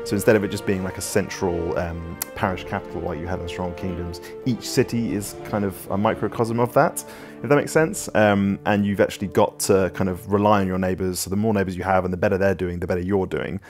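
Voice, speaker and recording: A man's voice: deep voice, steady tone, fairly quick, few pauses, over music. A man, a game developer, answering community questions in a casual chat, rambling through his explanations with lots of ums and you-knows.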